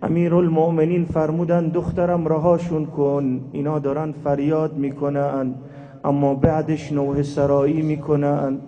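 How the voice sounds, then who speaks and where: A man's voice: fairly high pitch, completely flat delivery, warm tone. A male preacher giving a mourning sermon, slipping from narration into a sung, wailing chant. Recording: dull lo-fi recording, faint music behind.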